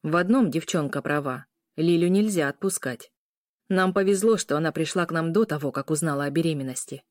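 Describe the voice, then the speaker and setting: A woman's voice: low-pitched, brisk, darkish tone, no echo, studio quality, lightly acted. A woman voicing a stern werewolf uncle in an audiobook, blunt and lecturing.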